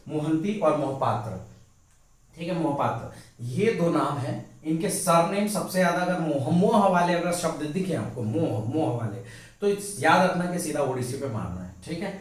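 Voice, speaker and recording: A man's voice: on the high side, animated, normal speed. A male teacher giving an exam-prep lesson, repeating key words and asking the class rhetorical questions. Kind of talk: Hindi exam-prep lesson with memory tricks. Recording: very echoey room, mic at a distance.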